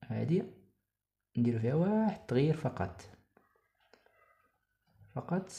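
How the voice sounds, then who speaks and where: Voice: mid-range voice, very animated, fast, creaky, dark tone. A teacher with a Moroccan accent giving a primary school French lesson, reading example sentences aloud and explaining them in Darija. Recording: echoey room.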